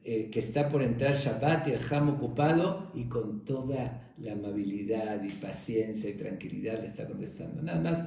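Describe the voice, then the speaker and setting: A man teaching a religious lesson through a story, in a warm, conversational storytelling manner. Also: mid-range voice, normal speed, gravelly, hardly any pauses, far from the mic. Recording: very echoey room.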